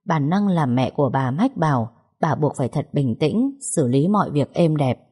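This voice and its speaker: A woman reading a family drama story aloud in a measured, even narrating manner. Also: deep voice, breathy edge.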